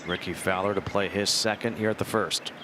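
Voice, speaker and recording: A man's voice: deep voice, fairly even intonation, a little fast. A man leading live golf commentary, concisely announcing players and scores. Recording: outdoor broadcast with clear background noise.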